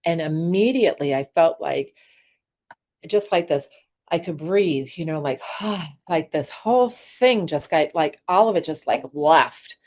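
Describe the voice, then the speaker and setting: Earnest woman telling her story, low voice. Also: expressive, a little mellow. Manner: earnest, halting with many fillers. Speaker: guest. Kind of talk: emotional personal storytelling.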